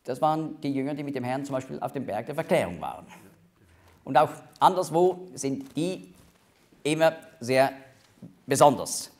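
A man's voice: mid-range voice, animated, normal speed, pauses often, darkish tone. A man teaching a Bible study, explaining names and passages with emphatic rises.

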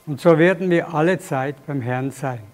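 A man reads Bible verses aloud in a steady, measured manner. His voice sits slightly high, and the reading stays even and unhurried. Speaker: scripture reader.

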